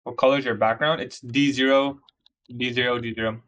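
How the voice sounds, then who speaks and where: A man's voice: mid-range voice, fairly even intonation, a little fast, fairly bright tone. A man of twenty-one from Iraq, hosting a live trading stream, commenting on his trades and answering chat in a casual, slangy way. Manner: casual, slangy, calls viewers bro. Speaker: livestream host, day trader.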